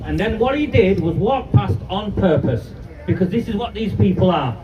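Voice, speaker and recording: A man's voice: high-pitched, lively intonation, moderate pace. A man in his fifties giving an angry, defiant speech at an outdoor street protest, filmed from a distance. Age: 50s. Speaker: rally speaker. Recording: distant, muffled live-stream audio with loud noise.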